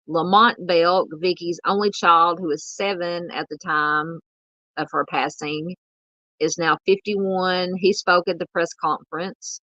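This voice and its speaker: A Southern American woman hosts a true crime livestream, talking casually and haltingly, with plenty of ums and uhs as she reads chat. Her fairly low voice is fairly even, bright and forceful. There's no room sound, but the recording is rough.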